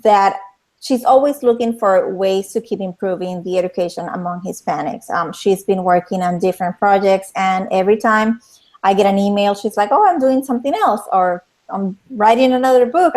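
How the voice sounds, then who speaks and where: A woman from Puerto Rico with a Puerto Rican Spanish accent, hosting a talk show interview in a lively way, with many fillers and restarts. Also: medium pitch.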